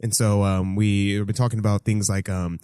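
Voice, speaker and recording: A man with a fairly low voice chats casually as a podcast host, pausing often with ums and uhs. The recording is dry and close-miked. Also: little pitch movement, warm tone, clear, resonant tone, no echo. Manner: hesitant, many ums and uhs, laughs often. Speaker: podcast host and catechism teacher. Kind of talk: casual chat.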